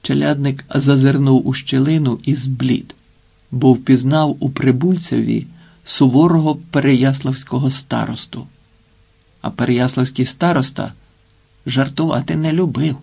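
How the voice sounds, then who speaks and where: Gravelly male audiobook narrator. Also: mid-range voice, steady tone, measured pace, dark tone.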